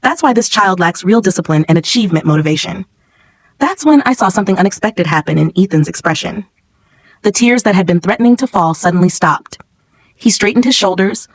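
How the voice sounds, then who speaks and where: A woman reading a first-person story as a narrator in an even, measured way. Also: fairly low pitch, dry recording.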